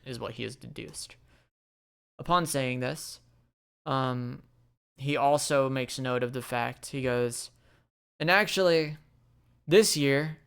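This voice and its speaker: Smooth-voiced man running a tabletop game. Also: mid-range voice. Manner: rambling, many fillers. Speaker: game master.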